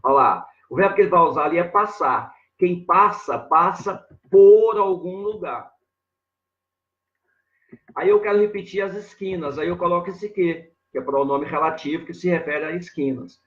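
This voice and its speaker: A man teaching grammar in a live online lesson, talking slowly and repeating himself as he points things out on a board. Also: high voice, fairly bright tone, muffled recording. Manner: slow and repetitive, constantly saying "ó" and "olha lá" while writing on a board.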